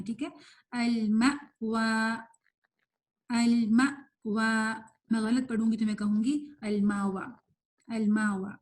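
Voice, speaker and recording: Brief: young woman, tajweed teacher in a live online class, brisk explanations with English mixed in, slow drawn-out recitation of examples, fairly high voice. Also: dark tone. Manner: explains quickly, then recites words slowly and drawn out; mixes in English words while teaching.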